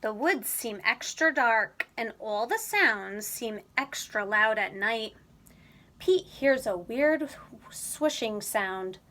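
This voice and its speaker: This storybook reader has a voice on the high side. She takes her time with a children's book, giving each line a lively, expressive storytelling touch.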